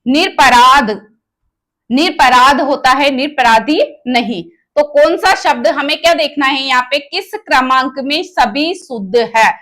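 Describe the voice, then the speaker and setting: Female Hindi grammar tutor with a Rajasthani accent, high voice, unhurried, works through exam options and quizzes the class herself. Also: fairly bright tone. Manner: asks the class questions and answers them herself; spells out words slowly, option by option. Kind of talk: exam-prep lesson.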